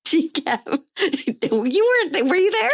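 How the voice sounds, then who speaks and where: A woman's voice: very high-pitched, big pitch swings, takes it slowly. A woman from California, a local business owner, chatting as a podcast guest, laughing often and drifting onto tangents. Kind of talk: casual chat.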